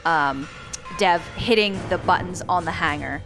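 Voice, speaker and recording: A woman's voice: on the low side, a little slow, music in the background. A woman acting as game master on a live tabletop stream, narrating with many hesitant ums and turning upbeat as she thanks the audience. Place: community media studio table.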